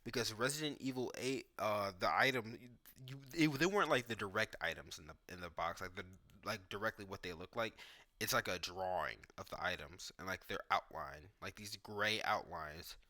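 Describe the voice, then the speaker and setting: A gaming video creator reacts to cutscenes and gameplay, thinking aloud in loose, informal language and saying "like" a lot. His voice is lowish and bright, with a forceful tone, and he talks at a normal speed.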